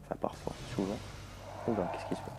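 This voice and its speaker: A young man giving jumpy, swearing let's play commentary to his viewers. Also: fast. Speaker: gamer.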